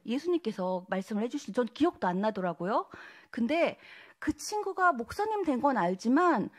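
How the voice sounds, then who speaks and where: Woman, evangelist, testimony sermon, earnest, emotional, soft whispered asides, higher-pitched voice. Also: very animated, moderate pace.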